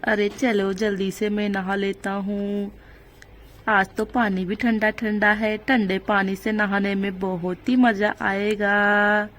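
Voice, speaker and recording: A woman's voice: mid-range voice, level tone, slow pace, a bit bright. A woman voicing a cheerful, easygoing village father in a doll story.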